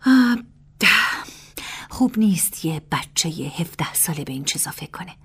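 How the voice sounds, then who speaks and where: A woman's voice: sits low, very animated, breathy edge, exaggerated voice. A woman voicing a proud young female general who speaks in a cool, teasing, half-whispered way.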